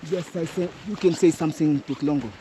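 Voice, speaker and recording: A man's voice: on the high side, quick pace, noisy background. A man working as a mountain guide, talking at the summit in an upbeat and plain way.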